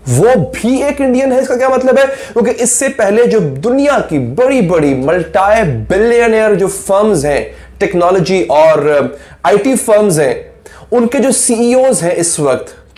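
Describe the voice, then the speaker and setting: A man with a notably high voice delivers an earnest commentary to camera. He lectures his viewers with pointed rhetorical questions and a self-critical tone. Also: a little mellow. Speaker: YouTube commentator. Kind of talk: earnest video monologue.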